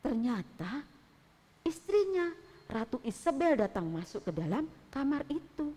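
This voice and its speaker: A woman Sunday school teacher telling a Bible story to children in an animated way, acting out sounds. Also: high-pitched, unhurried. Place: church hall. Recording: long hall reverb.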